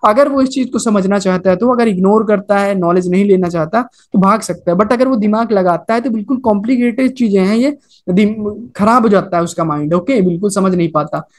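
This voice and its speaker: A man's voice: high voice, a little fast. A man teaching a trading lecture over a chart. He talks casually, mixes in English trading terms, repeats his points and keeps checking in with "okay" and "right?". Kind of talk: screen-recorded chart lecture.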